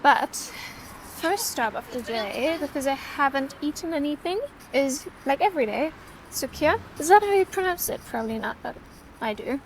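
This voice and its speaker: Filming on her phone as she wanders city streets and small eateries, a German vlogger in her twenties rambles casually, filling gaps with many fillers. She sounds high-pitched and animated at a normal speed. There's slight background noise and the recording is rough.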